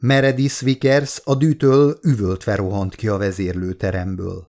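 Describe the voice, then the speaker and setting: A man reading his own book aloud as an audiobook narrator, steady and dramatic. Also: fairly low pitch.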